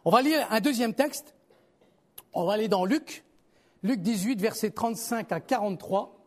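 A man preaching a sermon in a conversational, animated way, moving between loud calls to the listeners and quiet, low asides. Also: moderate pace.

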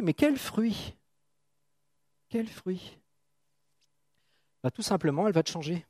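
A man's voice: high voice, mellow, no room sound, studio quality. A middle-aged man from France preaching an informal, joking sermon, thinking aloud with many restarts and asides.

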